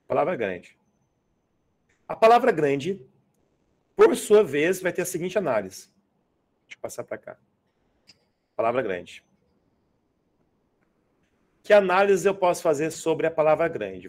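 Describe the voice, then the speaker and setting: A man with a slightly high voice teaches a grammar class in a classroom. He talks casually and with slang, and keeps asking his students whether they follow. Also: sing-song, measured pace, long pauses, darkish tone. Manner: casual, slangy, asks students to confirm often. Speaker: Portuguese teacher. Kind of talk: live exam-prep grammar class. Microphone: adjustable microphone.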